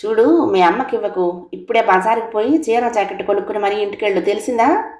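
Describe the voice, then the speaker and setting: A woman voicing a suspicious young housewife who scolds her husband in a sharp, accusing way. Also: medium pitch, fairly quick, natural voice. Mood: bossy. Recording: roomy echo.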